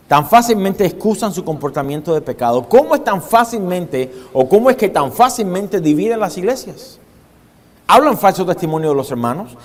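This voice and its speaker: Pastor guy preaching to his church, big swings in tone, echoey hall. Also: sits high. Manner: dramatic, varies pace and loudness, asks the congregation questions. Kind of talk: sermon. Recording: long hall reverb.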